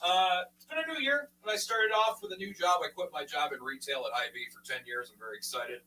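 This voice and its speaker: A man's voice: a little high, fast talker, sharp tone. A man doing a live stand-up comedy set on stage, with self-deprecating jokes. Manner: self-deprecating joke delivery. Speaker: stand-up comic. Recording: distant mic in a noisy room.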